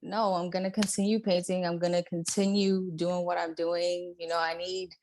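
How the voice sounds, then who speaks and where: A woman's voice: fairly low pitch, level tone, normal speed, a little mellow, a little hiss or hum. A woman raised in Brooklyn, chatting earnestly as a guest artist and filling her talk with "like" and "you know". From born in Puerto Rico, raised in Brooklyn. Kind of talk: casual interview chat.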